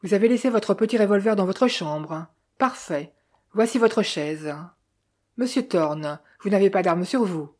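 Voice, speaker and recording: A woman reading the part of a calm, polite male detective with formal, measured speech. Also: mid-range voice. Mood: courteous.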